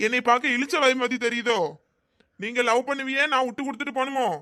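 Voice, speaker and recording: A possessive scheming cartoon groom. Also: male voice, very high voice, steady tone, quick pace, music in the background. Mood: defiant. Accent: Thoothukudi Tamil. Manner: pleading then menacing, insistent. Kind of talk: cartoon voice acting.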